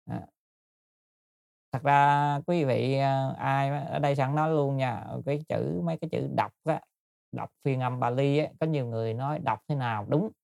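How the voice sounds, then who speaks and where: A man gives a Buddhist dharma talk in a gravelly voice. He explains patiently and politely, often pausing to search for words. The recording is dry and close, with no room sound. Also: medium pitch, steady tone, a little mellow, no echo. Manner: patient, explanatory, addresses listeners politely with frequent hesitations. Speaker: Buddhist teacher.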